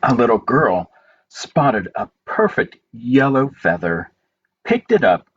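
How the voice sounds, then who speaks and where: A library storytime host reads aloud to young listeners from his home, chatting with them in simple language. His voice is medium-pitched and husky, moving slowly with big swings in pitch. The home recording sounds dull and carries background noise.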